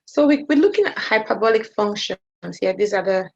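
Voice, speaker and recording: Unhurried woman teacher with a creaky voice who keeps asking "okay?", teaching maths online over muffled audio. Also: medium pitch, animated, darkish tone. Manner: hesitant, checks in with "okay?" often.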